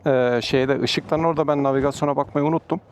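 A man's voice: fairly high pitch, steady tone, fast talker. A man speaking from inside a helmet in a polite, chatty motovlog style as he works as a motorbike taxi rider. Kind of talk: casual motovlog chat. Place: outdoors on a motorbike in city traffic. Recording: loud engine, wind and street noise.

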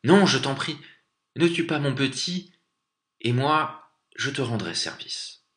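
A man voicing a mother eagle who loudly begs to spare her chick. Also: lowish voice, expressive, measured pace, reverberant, voice pushed up. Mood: pleading. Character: mother eagle, urgent and pleading.

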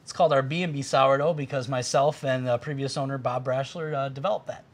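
A middle-aged man, the owner of a bakery, casually explaining his baked goods during a shop tour, with a relaxed manner and some fillers. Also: mid-range voice, fast.

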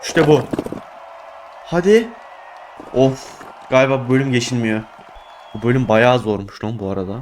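A young man giving excitable let's play commentary, exclaiming and groaning at his failures. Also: medium pitch, normal speed, pauses often, some chatter behind, a little hiss or hum. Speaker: gaming YouTuber.

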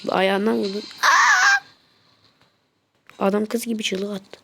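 Stuffy-nosed woman yelling through a gameplay session. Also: mid-range voice, moderate pace, gravelly, heavy background noise. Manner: excitable, muttering then yelling at the game. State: congested with flu, blocked nose. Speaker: gaming channel host. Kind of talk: casual gameplay commentary.

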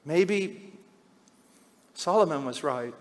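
A middle-aged man preaching a sermon, swinging from hushed, slow passages to loud, shouted cries. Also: fairly high pitch, lively intonation. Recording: long hall reverb.

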